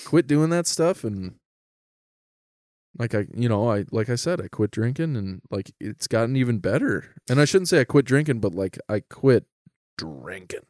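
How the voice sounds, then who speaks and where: A man telling a personal story in casual chat, animated, with many "like"s and frequent laughs. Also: mid-range voice, normal speed, no room sound, clean studio sound. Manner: animated, lots of "like", laughs often.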